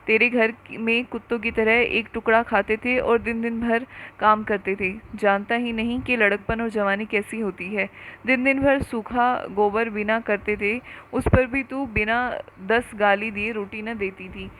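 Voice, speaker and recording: A woman reading a story aloud and voicing an angry, rude young village man who shouts insults. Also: a little high, steady tone, measured pace, a little hiss or hum, low-quality recording.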